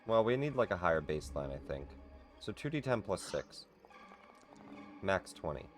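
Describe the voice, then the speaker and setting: Man, game master, casual rambling narration, lowish voice, soft background music. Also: sing-song, moderate pace. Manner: loose, rambling, with fillers and self-corrections.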